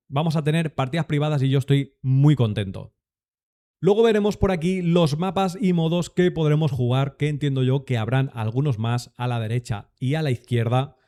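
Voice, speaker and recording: A man's voice: fairly high pitch, mellow. A young man with a Spain Spanish accent, giving an upbeat rundown of a game update and addressing his viewers. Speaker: gaming content creator.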